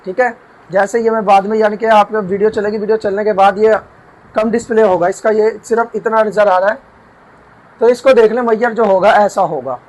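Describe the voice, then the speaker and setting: High-voiced man teaching a math lesson. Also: steady tone, brisk, a little mellow, poor audio. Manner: explains step by step, repeats and asks himself questions. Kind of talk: whiteboard math lecture. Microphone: camera mic while writing.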